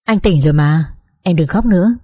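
A woman reading the lines of a gentle, injured young husband who speaks softly and briefly. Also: fairly low pitch, moderate pace, breathy edge. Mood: tender. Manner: soft, quiet, few words.

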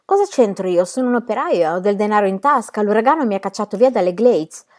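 A woman's voice: mid-range voice, expressive, fast talker, darkish tone, voice pushed up, natural voice. A woman reading aloud as a restless young laborer and devoted husband, in an urgent, pleading way. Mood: defensive.

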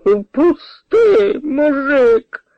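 A man's voice: very high-pitched, big pitch swings, drawn-out words, pitched above the performer's own voice, exaggerated voice. A man voicing a cowardly drunk husband who whines and stammers, in a dull, dry radio recording. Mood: whining. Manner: whining, stammering.

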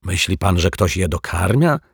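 A man voicing a hot-tempered male building caretaker who shouts indignantly, in a storybook reading. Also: low-pitched, measured pace, breathy edge, no echo, clean studio sound, exaggerated voice. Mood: irritated.

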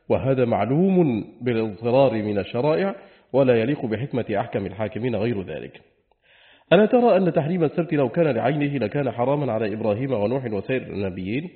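A man reading a classical book aloud as an audiobook reader, in a steady, formal reading voice. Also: medium pitch. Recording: tinny phone-like lo-fi sound.

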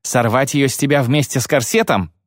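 A man's voice: medium pitch, expressive, normal speed, darkish tone, dry recording, studio quality, close to an everyday voice. A man voicing a cold young female outlaw with a hissing, contemptuous manner.

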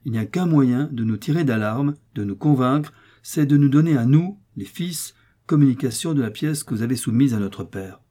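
A man's voice: mid-range voice, lively intonation, normal speed, dark tone, lightly acted. A man reading an audiobook voices a grieving young man who insistently presses an older lawyer. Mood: accusing.

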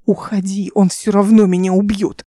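An old male scientist answers in a subdued, pleading voice in an audiobook, as a woman reads his lines. Her tone is warm and mellow, recorded dry and close. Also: mid-range voice, flat delivery, normal speed, no echo, close to an everyday voice. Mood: anxious.

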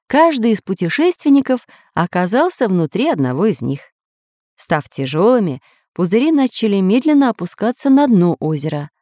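Casting: woman narrator for a kids' audiobook, lively and sing-song, dry close sound. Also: mid-range voice, no room sound. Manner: expressive, storytelling.

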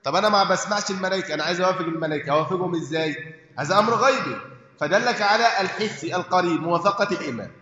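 Racing along in a high, pushed, bright voice, an Egyptian-accented sheikh teaches a hadith book. He asks and answers his own questions and checks that listeners follow, recorded with dull lo-fi sound in an echoey hall.

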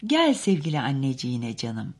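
A woman's voice: rumbling low, wildly swooping pitch, normal speed, husky, heavily acted. A woman voicing a flighty rich young mother who coos and fusses, in an audiobook. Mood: cooing. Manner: cooing, affected.

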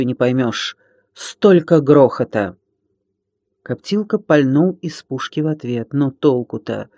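A man narrating a children's adventure storybook in a steady reading voice. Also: medium pitch, no room sound, studio quality. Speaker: audiobook reader.

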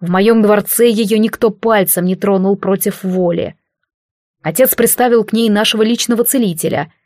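A woman's voice: medium pitch, dry recording, studio quality, natural voice. Alistar, a woman voicing a stern prince. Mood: menacing. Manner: quiet, slow, threatening. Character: stern young male prince, icy and menacing.

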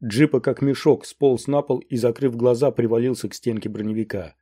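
A man reading a crime novel aloud as an audiobook narrator, in steady scripted narration. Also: medium pitch, fairly quick, husky.

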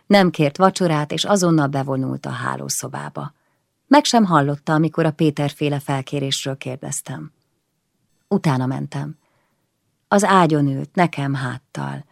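Low, gravelly woman reading a novel. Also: dry recording, studio quality. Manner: quiet, introspective, measured. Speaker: audiobook narrator. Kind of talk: first-person novel reading.

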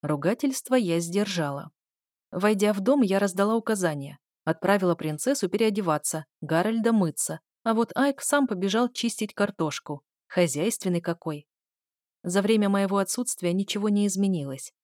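A woman's voice: mid-range voice, expressive, moderate pace, darkish tone, no room sound, studio quality. Wry woman reading a first-person novel. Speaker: audiobook narrator. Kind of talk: first-person audiobook narration.

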